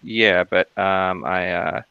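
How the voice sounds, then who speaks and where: A man's voice: deep voice, steady tone, takes it slowly, smooth. A man playing in a tabletop game, asking hesitant questions. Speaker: player. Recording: dull lo-fi sound.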